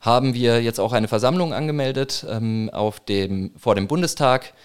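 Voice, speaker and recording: A man in his thirties from northern Bavaria, answering interview questions in a halting way, full of fillers and restarts. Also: mid-range voice, smooth. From Franconia, northern Bavaria, Germany. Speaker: interviewee, protest organizer. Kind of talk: casual interview.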